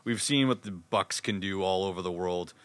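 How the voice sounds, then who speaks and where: A man's voice: sits low, normal speed, a bit bright, no room sound. A man co-hosting a casual podcast chat, swearing freely and laughing often. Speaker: podcast co-host.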